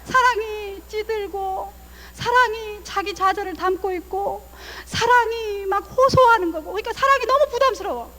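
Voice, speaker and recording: A woman in her thirties, a family counselor giving a lively guest lecture to a church audience, acting out parents' words as she talks. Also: very high voice, normal speed, big-room sound, a little hiss or hum. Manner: animated, acts out parents' lines in quoted voices. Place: church hall.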